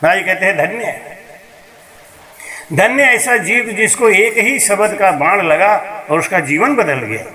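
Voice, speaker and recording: A man telling a devotional story as a religious preacher, in a measured storytelling cadence. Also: high voice, animated, pushed and bright, rough recording.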